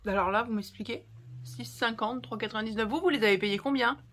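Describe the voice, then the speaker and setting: A French woman with a bright, clear voice, chatting to her viewers in a lively way as she unpacks craft supplies. Her voice sits a little high for a woman. A faint hiss runs under the recording. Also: brisk. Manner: chatty and expressive, talks to viewers while unpacking. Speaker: craft vlogger. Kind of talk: casual haul chat to camera.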